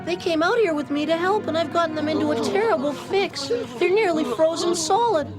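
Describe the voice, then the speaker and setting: Little wooden puppet boy, very high childlike voice, earnest, pleading, cartoon, loud music behind. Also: fairly quick. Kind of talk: dubbed cartoon acting.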